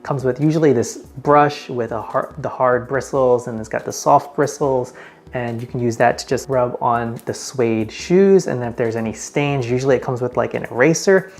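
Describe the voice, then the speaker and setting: A man's voice: mid-range voice, normal speed. A man hosting a men's style video, presenting tips in a casual vlogger manner with direct address and emphatic numbered points. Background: faint background music.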